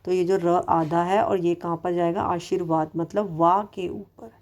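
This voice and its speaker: A woman's voice: fairly low pitch, flat delivery, unhurried, darkish tone. A woman teacher giving a recorded lesson to children, patiently asking questions and answering them herself, repeating each word carefully to show its sound.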